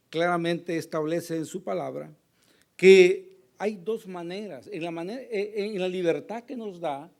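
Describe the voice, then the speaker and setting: A male pastor preaching a sermon with a hoarse voice, earnest and emphatic, pausing to address the congregation. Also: on the high side, darkish tone. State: hoarse, recovering from lost voice.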